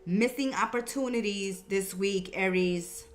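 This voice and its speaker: A woman's voice: medium pitch, a little slow, soft background music. A woman giving a conversational, improvised mystical horoscope reading, emphatic and repeating phrases for effect. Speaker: tarot and horoscope reader, host.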